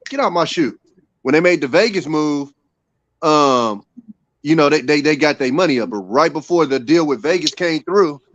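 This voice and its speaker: A man's voice: a little high, a bit bright, no room sound, dull audio. A man in his forties, a co-host in a casual sports chat, rowdy and profane, telling stories. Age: 40s.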